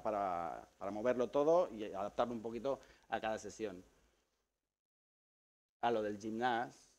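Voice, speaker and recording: Casting: Catalan-man, relaxed, rambling photographer giving a studio tour. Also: medium pitch. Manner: relaxed, rambling, many fillers and restarts; animated storytelling with acted quotes. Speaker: photographer showing his studio. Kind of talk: casual explanatory tour.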